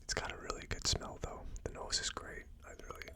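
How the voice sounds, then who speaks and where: The host of a whiskey tasting channel whispers an ASMR tasting review in a hushed, unhurried, musing way.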